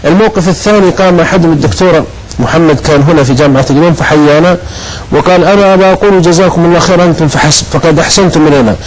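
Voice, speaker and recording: A man telling anecdotes as a guest on a TV talk show, animated and acting out the people he quotes. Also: on the high side, racing, poor audio. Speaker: guest preacher.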